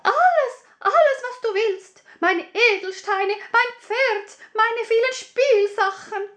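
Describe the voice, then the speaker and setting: A woman voicing an excitable young princess in a spoken fairy tale, gushing her promises in a very high voice. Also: takes it slowly, exaggerated voice. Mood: eager.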